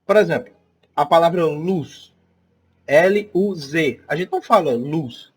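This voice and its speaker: A man's voice: fairly high pitch, animated, unhurried, breathy edge. A young man with a Northeastern Brazilian accent teaching an online class. He keeps checking in with "tá?" and "né?" as he talks. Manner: chatty, checks in often with "tá?" and "né?".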